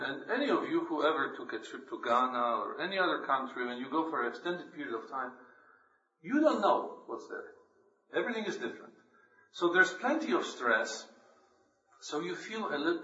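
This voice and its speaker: Lay preacher, man, earnest and emphatic, bright tone, recorded distant in a roomy church hall. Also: mid-range voice, muffled recording. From Poland. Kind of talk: scripture reading and devotional talk.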